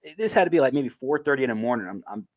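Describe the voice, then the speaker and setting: Man, podcast co-host, laid-back casual chat, swears a lot, middling pitch. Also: sing-song, very fast.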